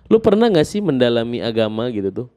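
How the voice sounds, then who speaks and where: A man hosting a casual podcast interview, asking probing questions and often nodding along with quick affirmations. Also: medium pitch, very animated, mellow. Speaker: podcast host.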